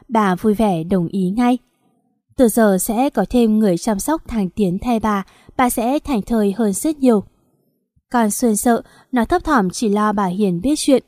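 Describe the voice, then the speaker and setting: A woman's voice: medium pitch, darkish tone, dry recording. Woman narrating a novel, dry close sound. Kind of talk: scripted audiobook narration.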